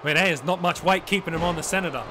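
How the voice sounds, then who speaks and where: A male play-by-play commentator, profane and excitable, calls a wrestling match in a video game, frequently dropping in "mate." His voice is on the high side and racing, and the recording has a noisy background.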